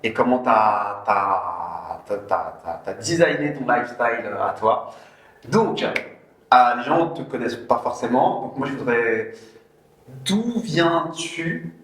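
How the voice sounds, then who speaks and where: A man's voice: medium pitch, lively intonation, fairly bright tone, reverberant. A man hosting a casual interview, asking questions with lots of fillers, restarts and little laughs. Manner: hesitant, many fillers and restarts, quick laughs. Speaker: interview host.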